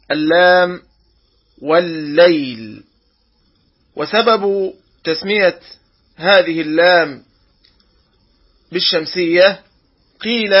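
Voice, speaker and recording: A man teaching Quran recitation rules, drawing out each example word slowly and deliberately. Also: high-pitched, slightly rough, muffled recording. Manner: slow, deliberate, drawn-out example words. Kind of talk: tajweed lesson.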